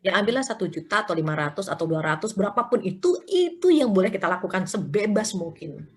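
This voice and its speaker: A woman religious teacher talks in a relaxed, chatty storytelling manner. She acts out short everyday quotes and keeps adding tag fillers as she explains. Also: medium pitch, quick pace. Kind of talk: conversational religious study talk.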